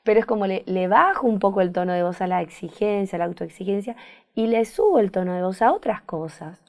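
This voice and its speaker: Gravelly-voiced Argentine woman therapist. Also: mid-range voice, expressive, fairly quick. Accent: Rioplatense Spanish. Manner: thoughtful, searching for words, repeats phrases. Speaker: therapist guest. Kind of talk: reflective conversational interview.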